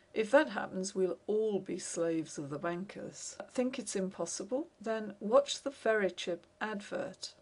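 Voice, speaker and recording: Woman, gravelly tone, skeptical, wry, hesitant fillers, opinion monologue. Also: medium pitch, a little mellow. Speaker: commentator.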